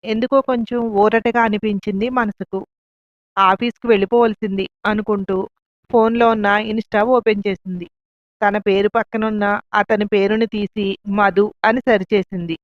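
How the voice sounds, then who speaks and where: A woman narrating a family drama story in a calm, measured way. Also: medium pitch, no room sound. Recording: dull lo-fi, dry.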